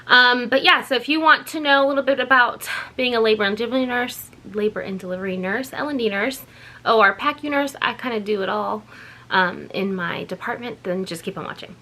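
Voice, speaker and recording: A woman's voice: a little high, brisk, sharp tone. A woman in her thirties, a labor and delivery nurse, chatting casually to her vlog audience in a rambling, self-correcting way, tired after a night shift. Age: 30s.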